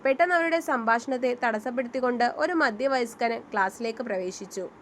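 A woman's voice: fairly high pitch, a little fast. A woman narrating a written story and reading the characters' lines in her own voice. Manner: reads all the characters' dialogue in her own voice.

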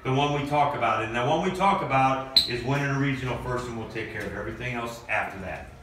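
A man's voice: mid-range voice, quick pace, pushed and bright. A middle-aged man, a basketball coach, gives an emphatic pregame pep speech, repeating phrases to motivate his players. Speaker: high school basketball coach. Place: hard-walled indoor locker room with players standing around. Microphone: camera a few meters away. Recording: echoey locker room, far mic, noisy.

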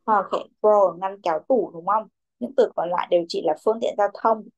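A woman's voice: medium pitch, brisk, dull audio. A young woman teaching a children's English class, who calls on pupils by name, repeats their answers and mixes English words into her instructions.

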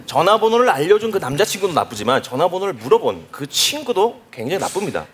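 A man with a high, swooping voice argues fast and indignantly on a comedy stage. Clear noise sits behind him. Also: big pitch swings, fairly bright tone. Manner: indignant, scolding and exclaiming. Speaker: comedian debater. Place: comedy stage before a live audience.

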